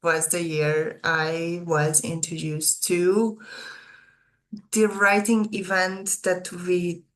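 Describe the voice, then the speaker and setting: In a rough recording, a young Hungarian-accented woman presents her own video channel as an author, chatting casually and slightly hesitantly. She takes her time, her voice on the low side with little pitch movement.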